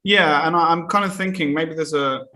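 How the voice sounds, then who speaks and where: A podcast host with a slightly high, bright voice and forceful tone speaks at a moderate pace on his psychology show. He sums up his guests' answers and poses thoughtful, conversational interview questions, filling them with many fillers.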